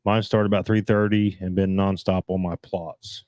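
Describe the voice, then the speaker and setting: A man hosts a casual live-stream chat in a fairly low voice. He rambles, stops and restarts his thoughts as he talks. The sound is dry and close. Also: little pitch movement, a little mellow, no room sound. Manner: rambling, halting, restarts sentences. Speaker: host.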